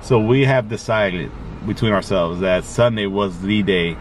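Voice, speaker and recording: A man's voice: lowish voice, unhurried, recorded from a distance, a little hiss or hum. A man chatting and joking with his wife in a casual vlog. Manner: teasing, joking. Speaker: vlogger's husband.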